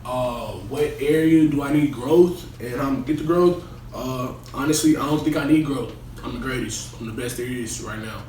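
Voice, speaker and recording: A man's voice: mid-range voice, moderate pace, a little mellow, close to an everyday voice. A young man playing a resident assistant in a comedy skit interview, talking colloquially about himself. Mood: cocky, boastful. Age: young adult. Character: young male resident assistant, cocky and boastful or earnest. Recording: echoey room, distant mic, noisy.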